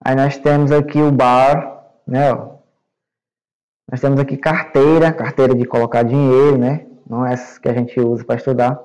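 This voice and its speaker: A Brazilian male English teacher giving a recorded online class to young students, explaining slowly and patiently and checking understanding often. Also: mid-range voice, level tone, darkish tone, low-quality recording. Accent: Brazilian Portuguese. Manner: repeats words and checks with "né?" and "certo?".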